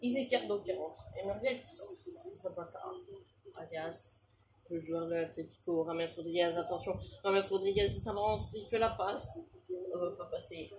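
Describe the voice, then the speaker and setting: A young French man commentating a football video game he is playing, rattling off player names and shouting at big chances. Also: high-pitched, animated, normal speed, slight background noise. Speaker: gaming YouTuber.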